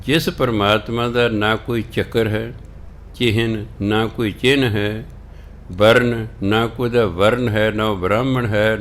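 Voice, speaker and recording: A man explaining scripture in a slow sermon, repeating and explaining each word patiently. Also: fairly low pitch. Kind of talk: slow devotional scripture exposition.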